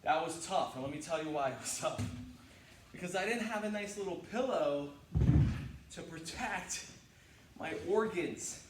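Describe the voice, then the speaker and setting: A man's voice: fairly high pitch, lively intonation, a little slow, long pauses, very noisy. A man coaching a home workout, joking around and grunting through the reps as he demonstrates each exercise. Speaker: fitness trainer. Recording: echoey room, mic at a distance.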